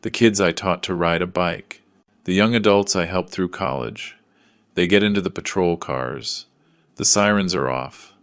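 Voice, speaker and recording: A man reading a dramatic first-person story in a measured, somber way. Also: sits low, fairly bright tone, clear, resonant tone, no room sound, studio quality. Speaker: narrator.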